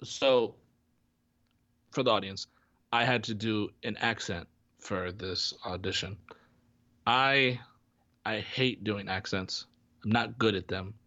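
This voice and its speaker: A man's voice: fairly low pitch, slow, long pauses, sharp tone, no room sound, highs cut off. A man co-hosting a podcast in casual chat, rambling with many restarts and fillers. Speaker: podcast co-host. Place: home in Florida.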